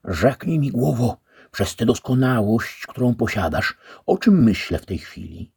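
A man's voice: mid-range voice, very animated, a little slow, creaky, darkish tone, breathy edge, voice pushed up, heavily acted. A man voicing a curious nobleman who questions eagerly.

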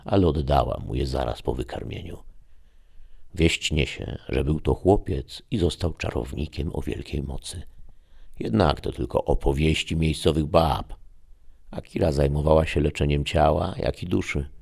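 A man narrating a story in a measured, steady reading style. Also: rumbling low, vocal fry, breathy edge.

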